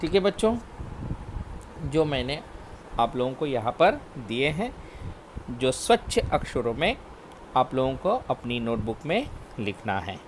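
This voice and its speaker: A man teaching a primary school Hindi lesson to children, spelling out words slowly syllable by syllable and often pausing to say "okay, children". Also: mid-range voice, very animated, a little hiss or hum, poor audio. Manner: slow, spelled-out word drills.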